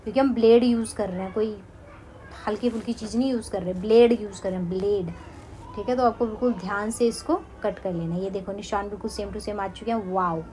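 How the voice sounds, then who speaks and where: A woman's voice: mid-range voice, steady tone, fairly quick, mellow, a little hiss or hum. A young woman hosting a craft tutorial at home, chatty and cautioning, saying "theek hai" again and again as she talks straight to viewers. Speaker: craft channel host.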